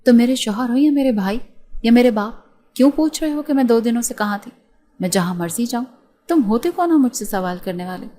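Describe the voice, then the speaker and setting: A woman voicing an angry, sharp-tongued young woman doctor who scolds with scorn. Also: mid-range voice, very animated, lightly acted. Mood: furious.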